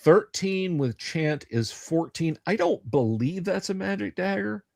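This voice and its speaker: Male game master, improvising tabletop narration, unhurried but very animated. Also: high voice, gravelly, no echo, studio quality. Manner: playful, theatrical, improvised.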